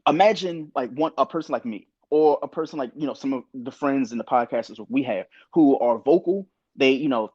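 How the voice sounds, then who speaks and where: Opinionated man, husky dry voice. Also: fairly high pitch, no room sound, lo-fi sound. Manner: animated, opinionated, quotes others in voices. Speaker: podcast co-host. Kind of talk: casual podcast discussion.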